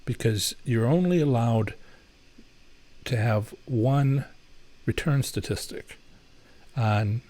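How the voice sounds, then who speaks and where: This medium-pitched man speaks slowly with long pauses and a dark tone while hosting a live Q&A chat. Responding to viewers, he talks loosely, using many fillers and restarts to explain and advise.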